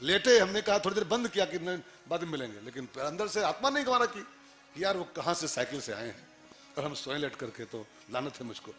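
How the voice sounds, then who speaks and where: A middle-aged man preaches a sermon in a fairly high voice. He fires off rhetorical questions and repeats phrases for emphasis. Faint music plays behind him. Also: sing-song, fairly quick, a bit bright. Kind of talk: devotional sermon.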